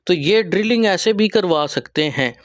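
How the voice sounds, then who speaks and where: A man with a Pakistani Urdu accent explaining teacher training material in a patient, step-by-step way, pausing often. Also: high-pitched, expressive. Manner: explanatory, with frequent pauses and fillers. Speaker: teacher trainer and channel host.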